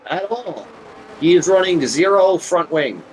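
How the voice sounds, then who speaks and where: An excitable man calls a live sim race, his voice sitting a little high and jumping up at every crash. He jokes with his co-host between calls. A faint hiss of noise runs underneath. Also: measured pace, low-quality recording. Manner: excitable, jokey, rising to shouts at incidents. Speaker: race commentator. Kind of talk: live sim racing commentary.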